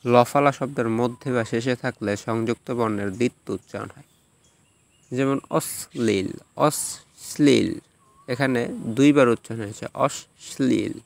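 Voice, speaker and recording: A man teaching a recorded lesson, reading out rules and repeating example words slowly and carefully. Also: medium pitch, steady tone. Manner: slow, drawn-out repetition of example words.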